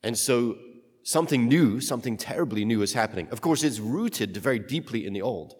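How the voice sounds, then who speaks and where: A priest reads the gospel and gives a homily in a halting, searching way, his voice carrying a long churchlike echo. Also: mid-range voice, expressive, a little mellow, husky. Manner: halting, searching delivery full of restarts. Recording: reverberant church hall.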